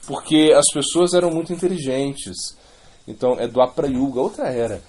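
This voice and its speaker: A man's voice: mid-range voice, normal speed, a little mellow, a little hiss or hum. A man giving an informal religious lecture, rambling, repeating words and adding many questioning asides. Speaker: spiritual teacher.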